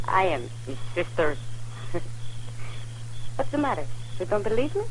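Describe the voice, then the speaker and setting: Evelita, bold teasing frontier temptress. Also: female voice, medium pitch, big pitch swings, takes it slowly. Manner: teasing, languid, coquettish. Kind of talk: old-time Western radio drama acting. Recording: noisy vintage radio recording.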